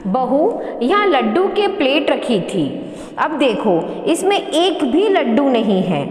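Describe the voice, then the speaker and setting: A woman voicing a bossy middle-aged mother-in-law with a commanding, sharp-tongued manner. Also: sits high, sing-song, takes it slowly, exaggerated voice. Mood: indignant. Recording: roomy echo with long reverb.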